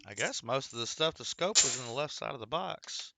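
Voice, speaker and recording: A man's voice: medium pitch, expressive, brisk, gravelly, heavy background noise. A man hosting a coin-hunting livestream, chatting casually and greeting viewers by name as he works through rolls. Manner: chatty, talks to viewers by name while working.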